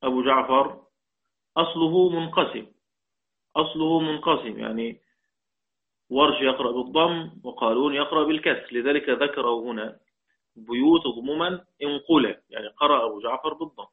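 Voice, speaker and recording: A man with an Egyptian accent teaching the Quranic readings, drawing out quoted verses slowly and checking in with his listeners. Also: mid-range voice. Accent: Egyptian Arabic. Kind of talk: religious lesson explaining a poem on the readings. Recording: tinny phone-like audio.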